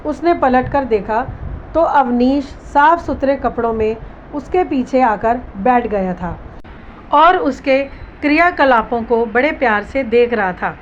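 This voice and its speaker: A high-pitched woman narrates a dramatic family story, voicing its characters' dialogue in her own voice as she goes. The recording sounds a little dull, with a faint hiss of room noise behind her. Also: expressive, unhurried.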